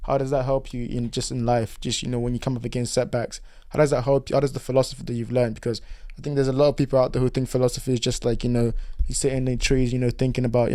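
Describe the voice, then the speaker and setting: A man's voice: medium pitch, dark tone. A man talking as a podcast guest in casual chat, eager and rambling, with lots of fillers.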